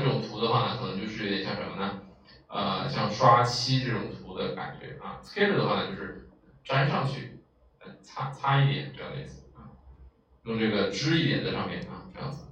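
A man's voice: fairly low pitch, a bit bright, a little hiss or hum. A man teaching a vocabulary lesson, explaining patiently with many filler sounds. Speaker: Japanese language teacher. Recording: echoey, distant, dull lo-fi room.

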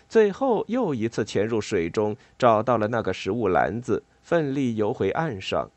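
A man narrating a children's storybook with an expressive, animated delivery. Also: medium pitch, no room sound. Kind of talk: audiobook storytelling.

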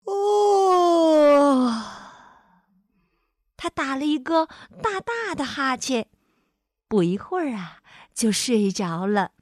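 A woman narrating a children's storybook in an expressive manner, stretching her sentence-final particles. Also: high voice, a little slow, no echo, clean studio sound.

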